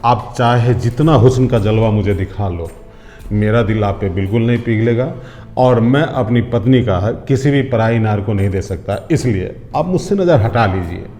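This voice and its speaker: A humble, honest security guard in middle age, played by a man. His voice sits low and mellow, and he speaks politely. The scene is from a scripted short drama. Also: moderate pace, natural voice. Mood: firm. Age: middle-aged. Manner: polite, respectful, pleading.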